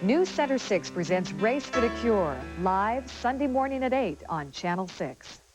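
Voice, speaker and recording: A woman local news anchor reading a station promo in a measured, earnest way. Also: medium pitch, big pitch swings, rough recording. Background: music.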